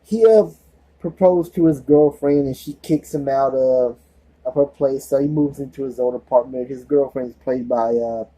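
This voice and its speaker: A man's voice: mid-range voice, normal speed, mellow, husky, poor audio. A man with a lisp giving a casual movie review, rambling and often losing track and starting over.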